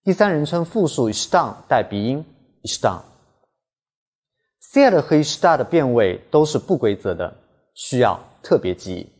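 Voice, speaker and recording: A man teaching a language lesson in scripted narration, slowing down carefully to model pronunciation. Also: mid-range voice, big pitch swings, a little mellow, husky.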